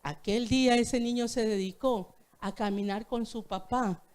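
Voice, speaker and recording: A woman's voice: a little high, steady tone, measured pace, a little mellow. A woman preaching a sermon in a church, telling a story and speaking directly to the congregation.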